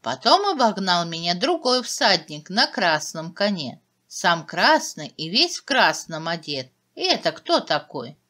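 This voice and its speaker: A woman's voice: lowish voice, sing-song, a little slow, hardly any pauses, sharp tone, full character voice. A woman voicing a polite, meek young maiden in a fairy tale.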